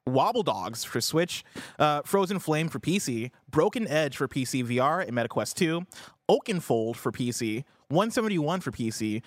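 A man's voice: fairly high pitch, sing-song, normal speed, dry recording, studio quality. A man hosting a show, moving between casual chat and reading news with an enthusiastic manner. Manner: enthusiastic, sweary. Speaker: show host.

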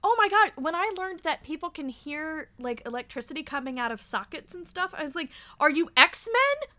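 A woman in her thirties, a podcast guest in casual chat, animated, laughing often and swearing freely. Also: high-pitched, normal speed. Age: 30s.

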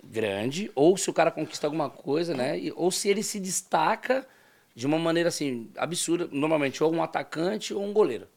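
A man's voice: a little high, lively intonation, brisk, vocal fry, a little mellow. A man in a casual podcast chat, talking at length as a fan of the team. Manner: talkative, explains at length. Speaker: guest, football fan.

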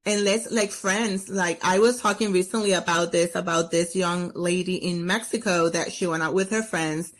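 A woman's voice: on the low side, fairly even intonation, moderate pace, hardly any pauses. Earnest woman guest, urging and repeating. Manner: earnest, urgent, repeats key points. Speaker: podcast guest. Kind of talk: casual interview talk.

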